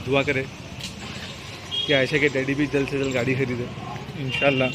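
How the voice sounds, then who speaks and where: A young father with a western Uttar Pradesh Hindi-Urdu accent, filming a casual vlog and gently, playfully coaxing his small child. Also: mid-range voice, flat delivery, moderate pace. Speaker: vlogger and father. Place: outdoors by a street market. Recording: outdoor phone recording with loud street noise.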